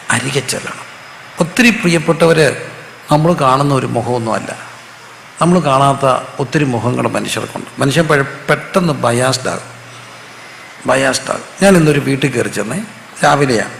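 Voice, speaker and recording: A man's voice: medium pitch, normal speed, gravelly, long pauses, fairly bright tone. A male pastor, preaching a sermon and calling out questions for the congregation to answer back. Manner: asks the congregation questions and has them repeat answers. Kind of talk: call-and-response sermon. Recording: roomy hall reverb, faint noise.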